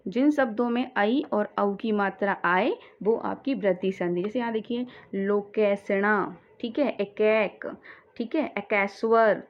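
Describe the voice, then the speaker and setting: A woman's voice: on the high side, lo-fi sound. A woman teaching a grammar lesson, asking questions and answering them herself, with frequent verbal check-ins. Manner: repeats questions and answers them herself, says "ठीक है" often. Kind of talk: classroom-style grammar lesson.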